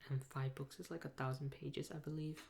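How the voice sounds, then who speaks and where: A woman soft-spoken a role-play as a helpful, patient librarian, breathy and gentle, close to a binaural microphone. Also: rumbling low, fairly even intonation. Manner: gentle, unhurried customer-service talk with pauses. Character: helpful, patient female librarian serving a patron. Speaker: ASMR performer playing a librarian. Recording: close binaural mic with clear hiss.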